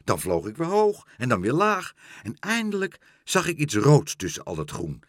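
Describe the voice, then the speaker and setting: A man voicing a cheerful, chatty male seagull who squawks loudly, in a spoken storybook. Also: mid-range voice, wildly swooping pitch, normal speed, dry recording, studio quality. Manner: loud and squawking.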